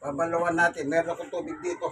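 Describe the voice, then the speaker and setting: Filipino guy, 64, slightly high voice, kinda preachy, chatty home vlog. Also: level tone, fast, breathy edge. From Philippines. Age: 60s. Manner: devout, gently preachy, speaks to viewers politely. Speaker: home vlogger. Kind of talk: casual home vlog with religious reflections. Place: home, indoors, doing laundry and climbing stairs.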